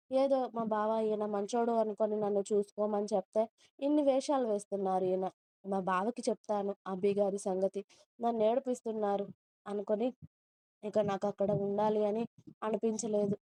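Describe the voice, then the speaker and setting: A woman telling a first-person romantic story in a gentle, emotional, confiding way. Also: medium pitch, no echo.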